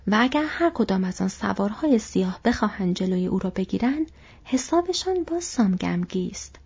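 Eager, devoted male hobbit servant, read by a woman; husky, dull audio. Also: medium pitch, lively intonation, a little mellow, full character voice. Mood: earnest. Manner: earnest, eager. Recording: dull lo-fi recording.

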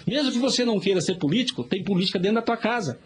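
Brazilian guest, middle-aged man, folksy and chatty, rapid delivery. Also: sits high, expressive, slightly rough. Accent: Brazilian Portuguese. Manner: chatty and folksy, preachy asides, frequent filler tags. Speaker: interview guest, vice mayor and pharmacist. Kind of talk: casual interview talk.

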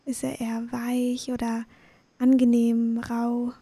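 A woman narrating a guided bedtime sleep meditation in a soothing, gentle, breathy voice that often nears a whisper. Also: on the high side, monotone, slow, no echo. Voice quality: breathy, soft.

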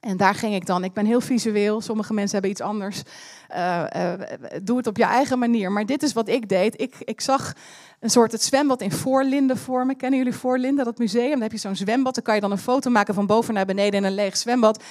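A woman's voice: on the high side, steady tone, fairly quick, few pauses, darkish tone. A woman preacher giving a personal testimony sermon in a chatty storytelling way, slipping English phrases in among her words. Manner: chatty, laughing asides.

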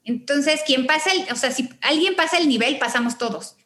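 A woman's voice: high-pitched, a little fast, bright, forceful tone. A woman, a guest who explains family constellations with homely analogies. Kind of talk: casual explanatory chat.

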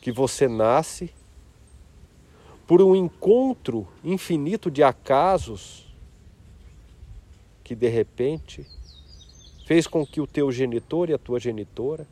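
Man, guided meditation, soft-spoken, reflective, very slow pace, warm mellow tone. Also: mid-range voice, lively intonation.

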